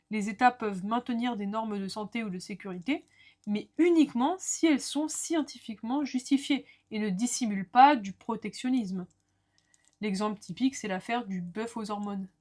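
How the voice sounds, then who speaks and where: Woman teacher, fairly high voice, methodical explainer with friendly asides to the viewer. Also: darkish tone. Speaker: law lecturer. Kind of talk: explanatory lesson.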